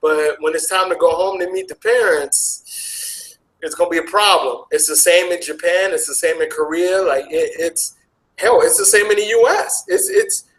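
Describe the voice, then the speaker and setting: A man with an American accent, talking casually as an interview guest, animated and jumping sharply in pitch. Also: moderate pace, roomy sound, rough recording. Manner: animated, with big jumps in pitch. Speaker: interview guest, travel vlogger. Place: Asia.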